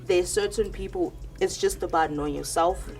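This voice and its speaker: Deep-voiced woman, emphatic. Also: normal speed, darkish tone, faint music behind. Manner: emphatic, preachy, says "bruh". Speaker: panel guest. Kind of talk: casual panel chat.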